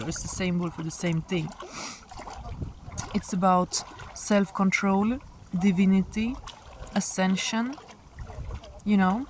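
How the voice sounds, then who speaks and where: Casting: female tarot reader, casual and halting, musing delivery, mid pitch, recorded outdoors with light water noise. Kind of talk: casual spoken tarot reading. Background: sound of moving water.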